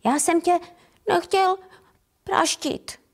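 A woman's voice: very high voice, steady tone, vocal fry. A woman voicing a frightened little tomcat kitten who whines and sniffles. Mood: tearful. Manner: whiny, sniffling. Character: scared, weepy little boy kitten.

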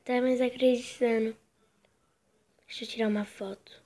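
A woman's voice: fairly high pitch, level tone, normal speed, mellow. A woman from Brazil doing casual vlog narration, giggly and constantly addressing her viewers. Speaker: vlogger.

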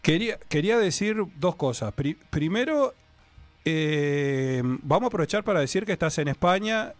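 Uruguayan radio host with a raised voice. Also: male voice, on the high side, expressive, normal speed, faint music behind. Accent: Uruguayan Spanish. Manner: friendly, prompting questions with tag questions. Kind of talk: radio studio interview. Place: radio studio indoors. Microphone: studio desk microphone.

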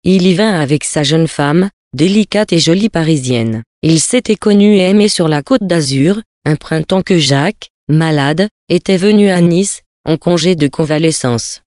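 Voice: mid-range voice, dry recording, clean studio sound. Narration littéraire, lecture lente et soignée, voix ni grave ni aiguë, prise sèche. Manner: measured, expressive phrasing. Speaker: reader. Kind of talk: literary narration.

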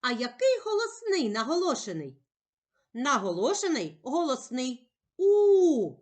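A woman teacher speaking slowly and carefully in a sing-song voice, giving a reading lesson for young children. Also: sits high, big pitch swings. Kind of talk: slow, clearly articulated children's reading lesson.

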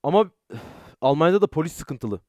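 Young guy streaming, high voice, dry mic, swears a ton, hypes up his stories. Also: normal speed, dry recording, dull audio. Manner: swears a lot, excitable storytelling; greets chat viewers between stories. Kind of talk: casual live-stream chat.

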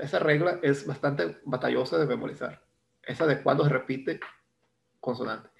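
Male English teacher with a Mexican Spanish accent, fairly high and gravelly, walking students through a lesson patiently and repeating key terms. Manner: explains step by step, repeats terms, asks "¿no?". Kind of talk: recorded online grammar lesson.

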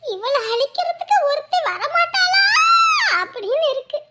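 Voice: very high-pitched, sing-song, normal speed, sharp tone, exaggerated voice. A performer voicing a self-pitying woman who laments being forced into servant work, in a cartoon comedy. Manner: wailing, self-mocking lament.

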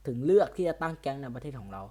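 A man's voice: mid-range voice, sing-song, very fast, warm tone. A man running a roleplay server, interviewing players over voice chat in a blunt, crude, teasing way. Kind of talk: casual voice chat.

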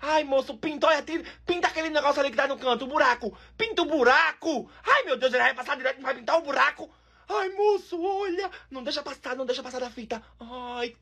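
A man with a Northeastern Brazilian accent giving comic reaction commentary on videos, full of quick exclamations and mock outrage. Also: very high-pitched, steady tone, gravelly, bright, forceful tone.

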